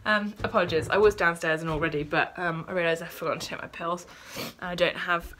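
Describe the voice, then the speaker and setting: A British woman in her twenties, a vlogger, chats casually to her phone camera in a lowish, pushed, bright voice at a quick pace with fairly even intonation. She is congested and a little out of breath from a cold and says "um" a lot, with light background noise on the phone recording.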